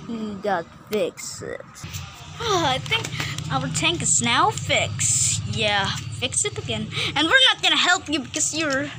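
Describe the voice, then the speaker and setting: A woman narrating a homemade animated story and doing every character herself, playful and excitable, often repeating words in bursts. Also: high-pitched, takes it slowly, over loud music. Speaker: narrator voicing all characters.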